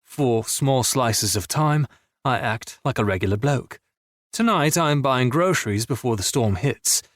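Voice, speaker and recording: A man's voice: mid-range voice, animated, a little slow, dry recording, clean studio sound. A man narrating a first-person romance audiobook in a weary, blunt inner-monologue manner.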